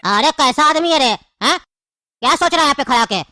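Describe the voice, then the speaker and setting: A woman's voice: sits high, animated, brisk, pushed and bright. A woman voicing an impatient male jail officer in a cartoon, barking orders. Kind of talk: cartoon comedy voice acting.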